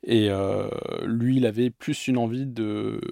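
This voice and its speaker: A man's voice: lowish voice, fairly even intonation, unhurried, vocal fry, mellow, no room sound, studio quality. A young man from England, a filmmaker guest in a casual interview, giving long rambling answers.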